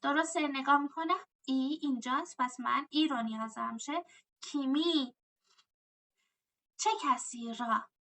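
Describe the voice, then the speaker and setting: A high-voiced woman teaches a grammar lesson, walking through each rule and quizzing herself aloud. Her tone is very bright and sharp, and she sits a little back from the mic. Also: far from the mic. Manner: explains step by step, asks and answers her own questions. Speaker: language teacher.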